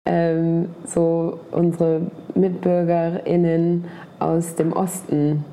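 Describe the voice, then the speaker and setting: A woman chatting casually as a podcast guest in German coloured by a slight American accent, with a creaky voice. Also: fairly low pitch, monotone, takes it slowly, warm tone. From Franconia, Germany. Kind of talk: casual chat. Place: holiday apartment by the sea. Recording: clearly noisy location recording.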